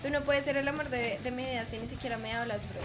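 Playful high-voiced woman streamer. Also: fairly even intonation, fast talker. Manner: playful, teasing, chatty with viewers. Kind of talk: live game stream chat.

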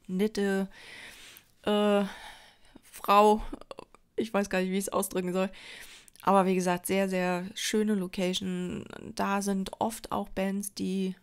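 Crafting at a table indoors, a woman from Berlin chats away in a mid-range voice with a gravelly edge. She's a vlogger whose talk rambles, with plenty of fillers and restarts.

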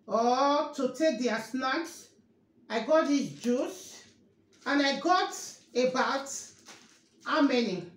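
In an echoey kitchen recording with faint background hiss, a woman in her thirties presents a grocery haul for her vlog. Her voice is high and her pace slow as she covers item after item, restating each price and repeatedly checking whether viewers can see what she holds up.

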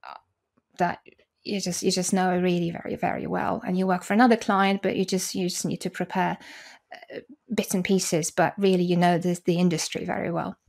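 A Polish woman in her forties, acting as a guest interpreter, explains things carefully over a desk mic on a video call from a small indoor room. Her voice is on the low side, a little mellow, with vocal fry and a flat, slightly fast delivery. She restarts often, uses many fillers, and laughs now and then.

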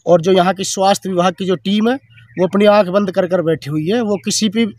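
A man, a social activist, making an unscripted, halting statement to a reporter, accusing officials. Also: high-pitched, steady tone, a little mellow, no echo.

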